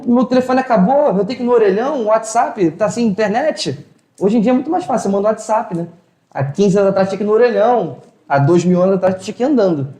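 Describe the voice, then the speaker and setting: Man telling lively stories in a roomy hall. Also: sits high. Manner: colloquial storytelling, acts out dialogue. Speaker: spiritual lecturer. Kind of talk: informal spiritual talk. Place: hall of a spiritual house. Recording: roomy echo.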